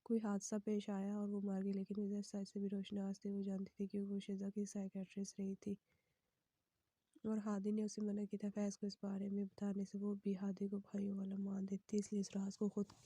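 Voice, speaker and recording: A woman reading a romance novel aloud in a soft, breathy voice that sometimes drops to a whisper. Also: mid-range voice, dry recording. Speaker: novel reader.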